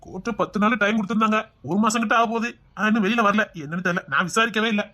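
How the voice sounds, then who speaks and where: A man's voice: sits high, very fast, sharp tone. An actor plays a distraught middle-aged father with a Tirunelveli accent, speaking in frantic, sobbing refusals. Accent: Tirunelveli Tamil. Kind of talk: village family drama acting.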